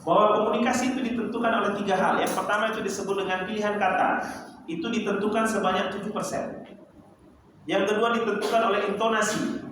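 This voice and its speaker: A man leading a lively training session for mentors, asking the audience questions and often laughing. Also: high voice. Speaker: Islamic teacher training mentors. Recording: echoey hall, distant mic, noisy.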